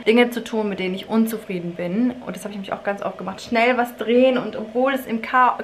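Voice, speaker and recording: A woman's voice: mid-range voice, slight background noise. A woman vlogging casually, a mother who retells her day and acts out the dialogue of the people in it. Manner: chatty storytelling, acting out dialogue with "ich so, sie so". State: exhausted from cleaning in the heat. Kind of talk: casual vlog chat. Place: home, then garden outdoors.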